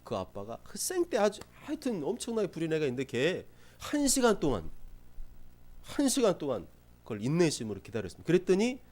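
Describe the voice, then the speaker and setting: A male pastor preaching a sermon from South Korea, lively, acting out scolding parents in quick asides. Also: a little high. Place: church sanctuary.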